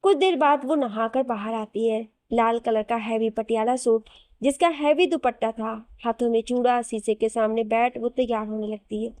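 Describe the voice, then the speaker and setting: A woman narrating a romantic audio novel in a steady, descriptive storytelling manner. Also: fairly high pitch, normal speed, no echo, clean studio sound.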